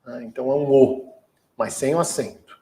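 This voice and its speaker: A Brazilian yoga teacher answering a question in a casual lecture, explaining patiently. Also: male voice, medium pitch, normal speed, mellow, roomy sound. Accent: Brazilian Portuguese.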